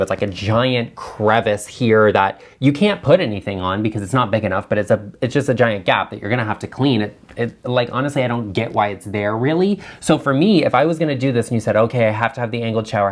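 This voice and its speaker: A man hosting a design video, chatting frankly and with strong opinions about bathrooms he is looking at. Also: medium pitch. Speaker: interior designer and channel host. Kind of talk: casual design commentary.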